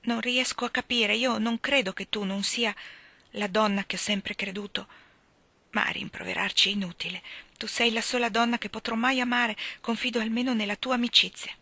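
A woman's voice: on the high side, fairly even intonation, normal speed, sharp tone, no echo. A woman reading a bitter rejected young man.

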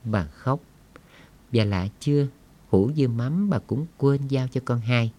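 A man reads a story aloud as an audiobook narrator. His delivery is slow and somber, his voice sitting at a middle pitch. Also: warm tone. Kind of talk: story reading.

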